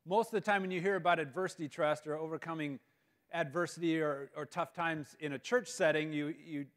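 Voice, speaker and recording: A man giving a humorous chapel talk as a guest speaker at a school, telling a story with animated outbursts. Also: on the high side, fairly quick. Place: school assembly hall.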